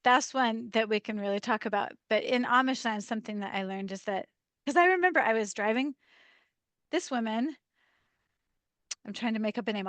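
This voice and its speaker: Animated woman telling stories in an interview. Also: on the high side, dry recording. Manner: animated storyteller, laughs often, acts out quoted dialogue. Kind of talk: casual interview storytelling.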